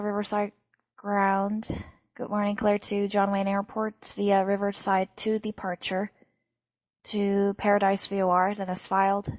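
A woman giving clearances as an air traffic controller in clipped aviation phraseology. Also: medium pitch, darkish tone, no room sound, lo-fi sound.

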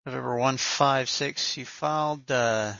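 A man's voice: mid-range voice, a little slow, creaky, pushed and bright, dry recording, muffled recording. A man working as an air traffic controller, giving procedural instructions over the radio. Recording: dry, band-limited radio audio.

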